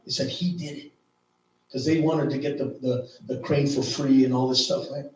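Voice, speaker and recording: A man preaching a sermon, telling a personal story in a loose, conversational way full of "man" and "you know", sometimes shouting. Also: medium pitch, level tone, moderate pace, slight background noise. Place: church hall. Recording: echoey church hall, distant mic.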